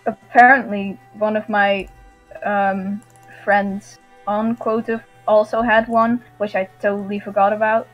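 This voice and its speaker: Slow, halting woman in casual chat. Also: medium pitch, little pitch movement, highs cut off, faint music behind.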